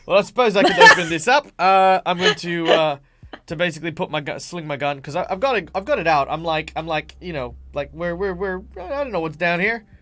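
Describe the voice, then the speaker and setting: A man in a put-on South African accent plays his character in a tabletop game. His pitch jumps all over as he laughs and stumbles over his words. His voice sits a little high for a man. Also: animated, brisk, fairly bright tone. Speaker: player.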